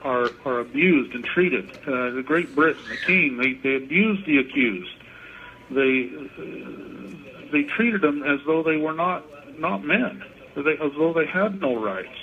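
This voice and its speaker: Man, payphone call, muffled line, slight noise, halting repetitive delivery, informal political talk, inmate guest. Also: mid-range voice. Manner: halting, repeats words. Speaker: interview guest, prison inmate calling in. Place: prison phone.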